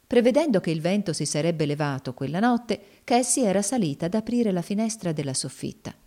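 A woman narrating a classic novel in a measured, subdued audiobook reading. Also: on the low side, expressive, mellow.

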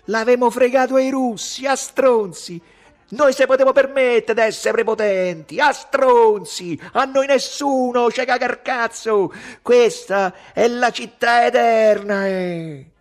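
A male reader voicing a drunk, boastful young Roman man who shouts brashly with a Roman accent. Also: very high voice, measured pace, voice pushed up. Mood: bombastic ranting.

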